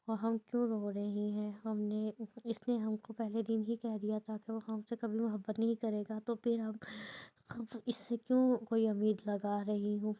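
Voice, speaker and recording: A woman reading the lines of a timid, anxious young wife who speaks softly and hesitantly. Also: mid-range voice, level tone, muffled recording, lightly acted. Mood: sad. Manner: soft, hesitant.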